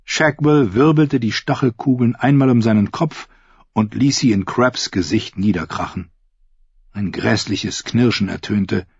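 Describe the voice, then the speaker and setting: A man narrates a fantasy audiobook in a steady, measured reading. His voice is somewhat husky. The recording is dull and lo-fi, with a dry, close sound. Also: fairly low pitch, no echo.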